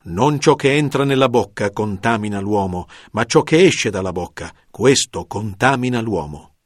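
Man voicing Jesus as a calm teacher, low-pitched, solemn measured scripture reading, dry close sound. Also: dry recording.

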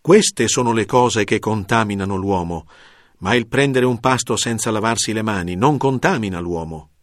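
Man voicing Jesus as a calm teacher, low-pitched, solemn measured scripture reading, dry close sound. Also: no echo, close to an everyday voice.

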